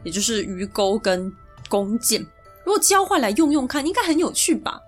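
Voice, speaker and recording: A whiny young prince, as a woman acts him out, pleading and stammering in like a spoiled little brother. The voice sits high, with soft music under the storybook narration. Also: very animated, moderate pace.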